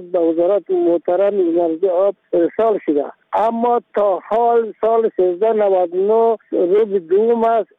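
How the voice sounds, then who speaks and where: A man from Badakhshan with an Afghan accent, calling a radio programme with a formal spoken petition. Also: sits high. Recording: tinny narrow roomy phone line.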